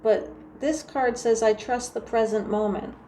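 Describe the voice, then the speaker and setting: A woman with a New Jersey accent talks through a tarot reading in a mellow, dark-toned voice. She meanders with frequent restarts and fillers. The room is echoey, with a faint ambient hum behind her. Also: a little high, fairly even intonation, a little slow. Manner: soft, meandering, full of restarts and "like". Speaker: tarot reader. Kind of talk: casual tarot reading to camera.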